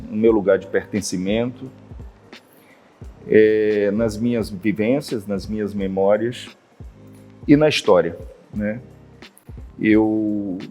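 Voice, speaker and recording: A man's voice: lowish voice, darkish tone. Thoughtful Bahian man in his fifties. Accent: Bahian Brazilian Portuguese. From Salvador, Bahia, Brazil. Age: 50s. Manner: thoughtful, unhurried, frequent tag questions. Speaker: visual artist. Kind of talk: reflective interview monologue. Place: his art studio.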